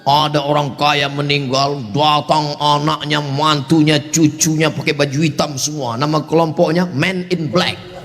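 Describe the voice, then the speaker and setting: Lively high-voiced man preaching in a hall. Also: a little slow. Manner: jokes and acts out voices, asks the crowd for replies. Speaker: Islamic preacher. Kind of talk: humorous sermon to a crowd. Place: large evening gathering. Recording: reverberant hall, faint ambience.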